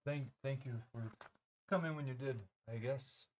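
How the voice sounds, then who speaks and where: A man's voice: medium pitch, a little mellow, a little hiss or hum, voice pushed up, close to an everyday voice. A worried wife of a scientist, put on by a male game master. She hesitates, trails off and restarts her sentences in a tabletop game. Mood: hesitant. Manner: hesitant, halting with fillers. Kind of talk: tabletop role-play voicing.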